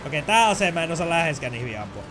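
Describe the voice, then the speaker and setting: Lively excitable gamer man. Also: a little high, music in the background. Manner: excitable, makes sound effects, chatty. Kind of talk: let's play commentary.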